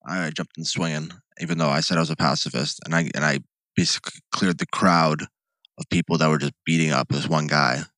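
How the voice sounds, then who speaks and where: Young man, podcast co-host, very low voice, dry close sound, rambling animated storytelling. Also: a little fast, no echo. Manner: rambling, animated anecdote with many restarts and "like". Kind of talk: casual chat, storytelling.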